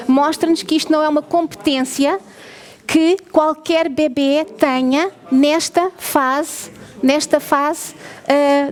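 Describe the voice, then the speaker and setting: High-voiced European Portuguese woman researcher. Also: a little mellow. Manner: asks the audience questions, checks with "ok?". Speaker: researcher presenting a lab. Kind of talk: explanatory talk to visitors.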